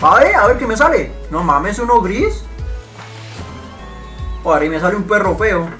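Excitable man shouting over gameplay. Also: high-pitched, normal speed, soft background music. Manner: excitable, shouts and swears at the game. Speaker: gaming YouTuber. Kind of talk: gameplay commentary.

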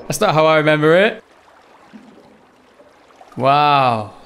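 A man's voice: on the high side, lively intonation, takes it slowly, fairly bright tone, soft background music. A man giving casual gameplay commentary as a host, with wry, mocking asides. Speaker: gaming host.

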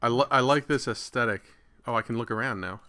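A man chats his way through a video game with loose, irreverent commentary and frequent swearing. His voice is bright and forward, and his talk is casual and offhand. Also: medium pitch, fast, smooth. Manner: chatty, irreverent, swears freely. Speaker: gaming channel host.

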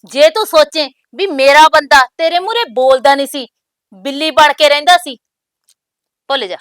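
A woman's voice: high voice, normal speed, dry recording, close to an everyday voice. A woman playing a defiant young bride. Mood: scolding. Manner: bold, scolding, proverb-laden retorts. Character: sharp-tongued young newly married woman, defiant. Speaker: actress. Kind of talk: village family drama acting.

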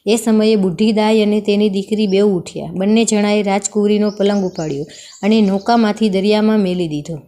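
A woman's voice: medium pitch, steady tone, fairly quick, dark tone. A woman reading a folk tale aloud, expressively voicing the characters' lines. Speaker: storyteller.

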